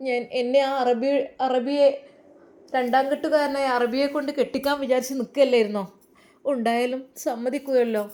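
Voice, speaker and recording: A tearful young bride speaks in a soft, high, pleading voice, as a woman storyteller puts her on. She sounds hushed and close to tears. It is a spoken Islamic story told by one narrator. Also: steady tone, fairly quick, close to an everyday voice.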